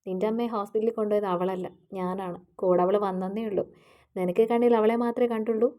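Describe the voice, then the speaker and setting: A woman voicing a young male friend in an audio story, teasing with a quick retort. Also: medium pitch, fairly even intonation, warm tone, lightly acted.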